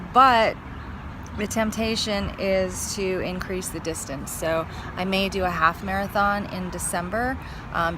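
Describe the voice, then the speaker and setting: A woman's voice: mid-range voice, noisy background. A woman talking casually to her vlog viewers, thinking aloud in long, chatty explanations. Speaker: fitness vlogger.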